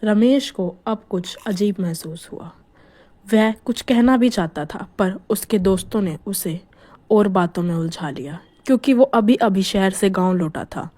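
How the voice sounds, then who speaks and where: A woman narrates a spooky village tale with a dark, mellow voice. She often sinks into near-whispers to build suspense. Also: mid-range voice, a little slow. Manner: hushed, suspenseful storytelling. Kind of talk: scripted horror story narration.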